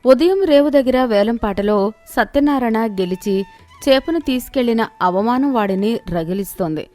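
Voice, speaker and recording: A woman narrating an animated moral story in a steady, expressive way. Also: a little high, normal speed, faint music behind.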